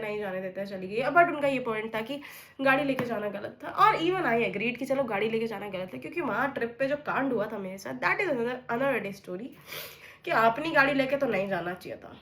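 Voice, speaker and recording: A young woman from India tells a personal story to her viewers in a casual vlog. Her voice sits high, and her delivery is chatty and animated. She keeps slipping English phrases into her telling. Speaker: vlogger.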